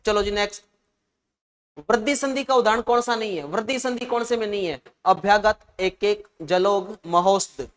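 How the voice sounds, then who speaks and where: A man's voice: high voice, moderate pace. A man teaching an exam-prep lesson, chatty and often calling listeners "saahab" and "bhai".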